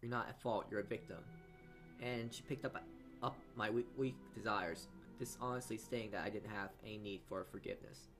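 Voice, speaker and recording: Speaking over music, a man with a lowish voice and steady tone reads through a visual novel as a let's-player. He keeps stumbling over the text, reads haltingly, and slips in his own asides.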